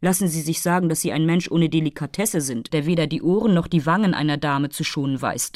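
A woman's voice: low voice, fairly quick, a little mellow, no room sound, studio quality, lightly acted. A woman voicing a haughty, moralizing female fairy who lectures and takes offense easily. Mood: indignant.

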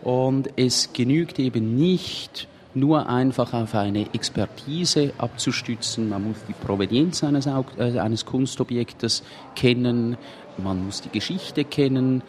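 A man's voice: mid-range voice, slow pace, a little mellow. A man giving interview answers as head of a business. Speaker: auction house head being interviewed. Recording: faint background noise.

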